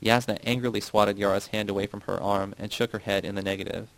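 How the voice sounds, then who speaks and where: A man reading a novel aloud in steady first-person narration. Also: fairly low pitch, quick pace, dry recording, rough recording. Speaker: audiobook reader. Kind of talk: scripted narration.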